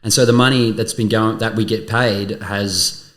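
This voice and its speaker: A man's voice: lowish voice, fairly even intonation, normal speed. An Australian man chatting casually as a podcast guest, rambling and swearing as he tells stories. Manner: swears a lot, rambling storyteller. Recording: echoey room.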